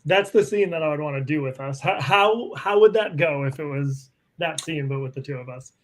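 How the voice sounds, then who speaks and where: A man with a somewhat raised pitch chats easily as a guest, trading short, friendly replies. His tone is relaxed and informal throughout. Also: fairly quick. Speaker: film historian guest. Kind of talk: casual chat.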